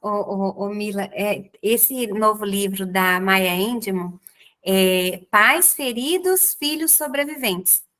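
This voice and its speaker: A woman's voice: medium pitch, takes it slowly. A young adult woman with a Brazilian accent, a psychologist hosting a podcast and telling stories to her listeners. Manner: lively anecdotal storyteller addressing listeners. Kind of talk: conversational podcast, storytelling.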